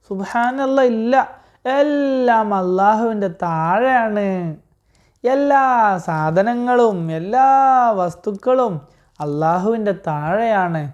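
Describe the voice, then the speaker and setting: A woman teaching a religious story to children, patient and slow, asking them questions and repeating the answers. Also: fairly high pitch, a little mellow, muffled recording.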